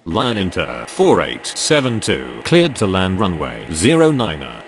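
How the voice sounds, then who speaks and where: A man's voice: deep voice, wildly swooping pitch, a little slow, heavily acted. A man speaking in clipped, formal air traffic radio phraseology. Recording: faintly noisy background.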